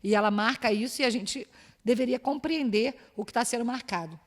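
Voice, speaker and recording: A woman's voice: a little high, a little fast. Brazilian woman lecturing in a reverberant hall. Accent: Brazilian Portuguese. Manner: explanatory, many rhetorical questions and tag "né". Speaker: university lecturer. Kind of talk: academic lecture.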